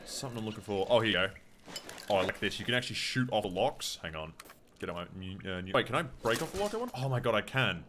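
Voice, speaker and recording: Aussie gamer bloke talking over his playthrough, swears a lot, lively up and down voice, noisy mic. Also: on the low side, fast talker. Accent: Australian. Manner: excitable, swearing, mutters to himself. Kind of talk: casual gameplay commentary.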